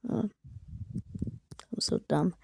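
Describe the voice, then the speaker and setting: A young woman makes casual conversation while drawing for her video, speaking slowly, softly, and often in a half-whisper. She tends to be self-deprecating. The recording has no echo.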